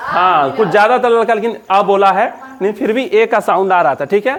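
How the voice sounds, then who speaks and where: A woman teaching an English reading lesson, spelling words letter by letter and drilling pupils with repeated questions. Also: mid-range voice. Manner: drills students with repeated call-and-response questions; reads English slowly word by word. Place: classroom. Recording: noisy classroom crowd. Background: class of children responding.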